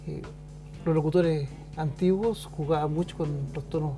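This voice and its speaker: A middle-aged man with a Chilean accent, a teacher chatting on a talk show, thoughtful and pausing often. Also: fairly high pitch, fairly even intonation, music in the background. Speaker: show host and school teacher. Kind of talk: casual conversation on a talk show.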